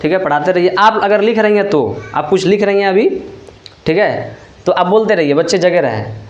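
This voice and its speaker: A man teaching a class, sounding out letters slowly and checking in with listeners after each point. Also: sits high, lively intonation, echoey room, highs cut off. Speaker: teacher trainer. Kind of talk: classroom lesson.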